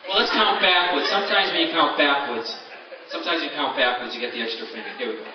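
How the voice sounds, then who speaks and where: A man's voice: fairly high pitch, expressive, fast, a crowd in the background. A man hosting a live stage hypnosis show, giving commanding, repetitive instructions to his participants. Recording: echoey hall, distant muffled sound, loud music.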